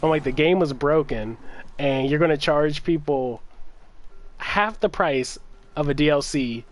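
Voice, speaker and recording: A man's voice: fairly high pitch, unhurried, no room sound. A man hosting a gaming livestream, ranting casually with exasperation, laughing and swearing as he talks.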